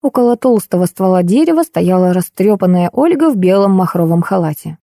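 A woman narrating a first-person audiobook in a lively, ironic storytelling way. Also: mid-range voice, fairly quick, gravelly, dry recording, clean studio sound.

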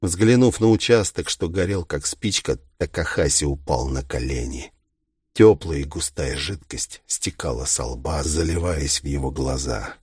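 A man narrating a science fiction novel in a measured, low storytelling voice. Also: darkish tone, slightly rough, no echo, clean studio sound. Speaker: audiobook narrator.

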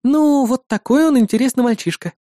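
A man voicing a cheeky young tiefling woman who teases and laughs at her companion. The voice climbs high above his own, and the sound is dry and close. It is a fantasy storybook voice. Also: brisk, dark tone, dry recording. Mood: teasing. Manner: teasing, laughing. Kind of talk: audiobook character voice.

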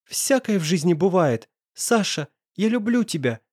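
A man's voice: high voice, big pitch swings, moderate pace, a little mellow, husky, no echo, studio quality, pitched above the performer's own voice, heavily acted. A man doing a tearful pleading young woman. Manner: sobbing, desperate pleading.

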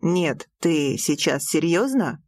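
A woman reading an audiobook, voicing a passionate, teasing young prince with slow, low, intimate delivery. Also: sing-song, a little mellow, no echo, studio quality, full character voice. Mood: tender.

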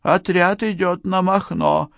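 A man's voice: fairly even intonation, takes it slowly, creaky, a bit bright, dry recording, heavily acted. Man doing a groveling, terrified old beekeeper. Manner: whining, groveling, high squeals. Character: frightened fawning old male beekeeper. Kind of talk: audiobook character voice.

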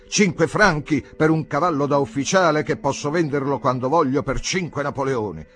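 A man reading aloud voices a gruff cavalry soldier who scoffs and haggles in a scornful tone. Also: a little high, moderate pace, fairly bright tone, pitched above the performer's own voice, natural voice. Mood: scoffing.

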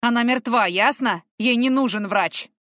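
A woman's voice: medium pitch, a little fast, fairly bright tone, no room sound, studio quality, lightly acted. A woman voicing a tall, stern man who barks orders. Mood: commanding. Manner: barking orders.

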